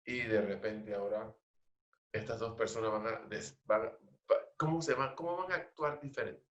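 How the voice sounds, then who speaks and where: Male agile coach, slow, questioning delivery, low voice, roomy and dull call audio. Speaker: agile trainer. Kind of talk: interactive training session.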